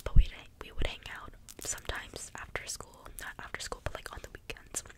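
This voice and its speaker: A young adult speaks in a soft, breathy ASMR whisper, rambling casually through everyday stories and drifting into tangents. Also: a little fast. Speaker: ASMR video creator.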